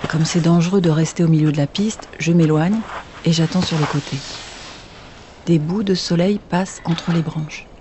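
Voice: medium pitch, background noise. A reader telling a children's bedtime story in the first person as a child, with confiding asides to the listener.

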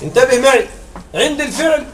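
High-voiced man teaching in an echoey room. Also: lively intonation, fairly quick. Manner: drills examples, constantly checks understanding with questions. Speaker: Arabic morphology teacher. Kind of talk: classroom grammar lecture. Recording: echoey room, far from mic, faint music.

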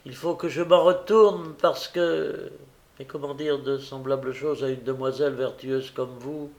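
A man's voice: medium pitch, steady tone, unhurried, a little mellow, natural voice. A man reading the part of a desperate, remorseful young woman who pleads through tears, in a fervent, anguished way.

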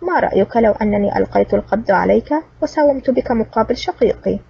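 A woman's voice: fairly high pitch, fast talker, creaky, slightly rough, exaggerated voice. A woman voicing a cool, sarcastic man, the hero of an audiobook adventure, speaking with cold mockery. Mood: cool sarcasm. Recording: distant, dull lo-fi recording.

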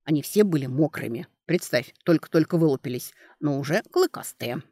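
A woman's voice: low-pitched, no room sound, clean studio sound. A woman reading an eager young brother. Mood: excited. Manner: rushed, excited storytelling.

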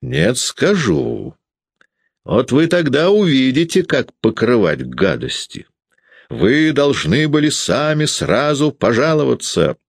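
A man's voice: mid-range voice, wildly swooping pitch, takes it slowly, vocal fry, breathy edge, no room sound, clean studio sound, pitched above the performer's own voice, exaggerated voice. A man voicing a sullen, spiteful middle-aged male schoolteacher who needles and pries. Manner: needling, malicious, prying.

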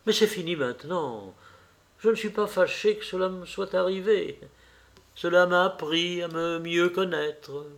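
An earnest, impulsive young man, as an audiobook reader puts him on, speaking with heightened feeling. The voice is lifted a little high and delivered slowly. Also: gravelly, fairly bright tone, heavily acted. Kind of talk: audiobook character reading.

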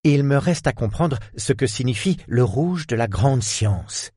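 A man's voice: medium pitch, expressive, unhurried, darkish tone, breathy edge, dry recording, clean studio sound. A man voicing an enthusiastic young male detective, talking eagerly and earnestly.

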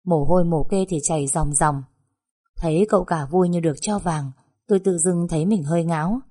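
Woman, storyteller, first-person narration, tense, low, mellow. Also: a little fast, slightly rough.

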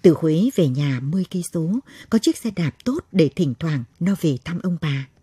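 A woman narrating a story in a slow, measured reading voice. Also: low-pitched, animated, warm tone, husky, no echo.

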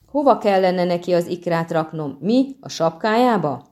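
A woman doing a shrill, indignant siren. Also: animated, darkish tone, close to an everyday voice. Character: haughty petulant female siren, sea creature. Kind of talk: audiobook reading.

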